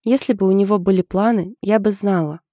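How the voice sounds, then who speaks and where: Woman reading anxious young woman in love, mellow. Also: medium pitch, a little fast, no room sound, studio quality, close to an everyday voice. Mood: uneasy. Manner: confiding, hesitant.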